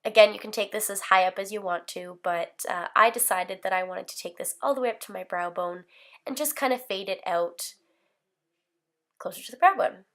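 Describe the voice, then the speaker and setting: This is a makeup tutorial from a beauty vlogger in her twenties, recorded in a bedroom setup while she's hoarse with a slight cold. She speaks at medium pitch and moderate pace with a fairly bright tone, upbeat and chatty, rambling with fillers.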